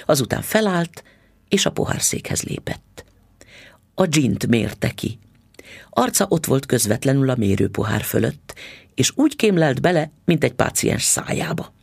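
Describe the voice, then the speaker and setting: A man reading a short story aloud as an audiobook narrator, in an expressive reading style with lively intonation. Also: medium pitch, vocal fry, slightly rough, no echo.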